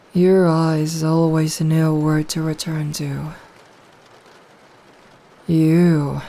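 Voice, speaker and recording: In an intimate ASMR roleplay, a woman plays a seductive, possessive female vampire. She speaks in a low voice, soft and breathy, hushed, teasing and coaxing.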